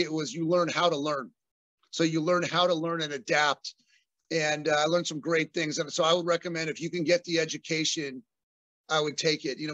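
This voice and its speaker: A business owner in his forties from Southern California talks through his background in a casual interview conversation, friendly and rambling with many fillers. His voice is on the high side with a fairly bright tone and no echo.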